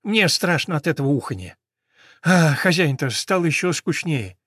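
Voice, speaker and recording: A man voicing a small, anxious male sparrow in a storybook reading, with a high twittering voice. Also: animated, normal speed, fairly bright tone, breathy edge, dry recording, studio quality. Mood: gossipy.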